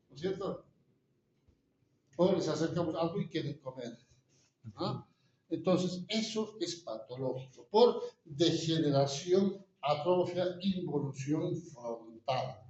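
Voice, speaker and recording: A man lectures to a class, checking in with the room through constant rhetorical questions. His voice sits a little high and comes from a distance. The room is very echoey, and the recording sounds dull and muffled, with faint noise behind it. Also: darkish tone.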